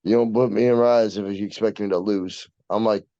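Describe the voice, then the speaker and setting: A young American man co-hosts a podcast in casual chat, talking brash, slangy, and full of swearing. His fairly low voice is warm and steady, moving a little fast, and the lo-fi recording sounds dull and roomy.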